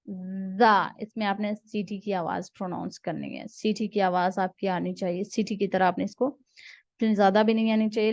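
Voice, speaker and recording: A woman's voice: mid-range voice, dark tone, no room sound. A woman giving a Quran reading lesson, patiently repeating each letter sound several times. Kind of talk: step-by-step pronunciation lesson. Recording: dull, dry close recording.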